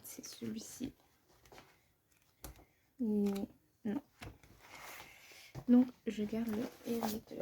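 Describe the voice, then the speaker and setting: A woman chatting casually in a vlog about her book collection, hesitant, with many pauses and fillers, sometimes dropping to a near-whisper. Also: on the high side, warm tone, slight background noise.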